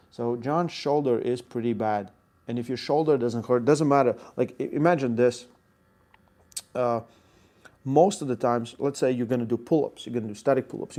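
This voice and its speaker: Speaking in a mid-range voice with a darkish tone, a Latvian-accented man answers viewer questions as an arm wrestling coach on a live Q&A. He voices the chat questions aloud and explains technique in brief bursts.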